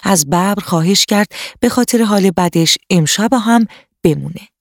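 A storyteller reading a children's radio tale in a clear, even, scripted way, speaking directly to young listeners. The voice sits at a middle pitch. The sound is dry and close to the mic, with no room echo.

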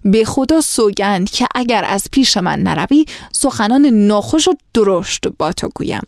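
A harsh old desert tribesman, quick to anger and scolding, in a storybook reading, as a woman reads his lines in her own voice. The sound is dry and close, with no room around it. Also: mid-range voice, animated, vocal fry, dry recording. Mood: angry. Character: cruel, angry old desert tribesman, a slave seller.

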